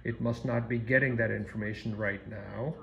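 A man in a hotel room giving a halting, step-by-step demonstration, with lots of ums and uhs, while filming a screen. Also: fairly low pitch, fairly even intonation, vocal fry, lo-fi sound. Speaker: product demonstrator. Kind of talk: casual off-the-cuff demo narration. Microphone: phone camera filming a TV screen, voice off camera.

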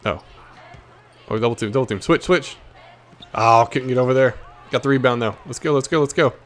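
Brisk and mid-pitched, this man hosts a gaming video, riffing through the gameplay in loose slang. The tone stays cocky and playful, heavy on trash talk.

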